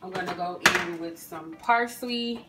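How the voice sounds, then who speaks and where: A woman's voice: lowish voice, measured pace, background noise. A woman, chatting casually as she walks viewers through a recipe in her home kitchen, recorded on a phone camera. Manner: chatty, addresses viewers as "you guys" and "y'all", frequent "um". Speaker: cooking vlogger. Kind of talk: casual cooking tutorial narration. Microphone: phone camera at the stove.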